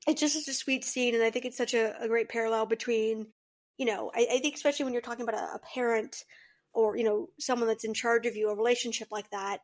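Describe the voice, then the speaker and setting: Earnest, higher-voiced woman podcaster. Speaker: podcast co-host. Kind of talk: casual fan podcast chat.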